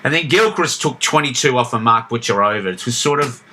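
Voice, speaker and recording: A man's voice: mid-range voice, lively intonation, fairly quick, bright, forceful tone, a little hiss or hum. A man, co-hosting a casual podcast and telling stories with many restarts. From Australia. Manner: reminiscing, storytelling with frequent restarts. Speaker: podcast co-host. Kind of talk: casual chat.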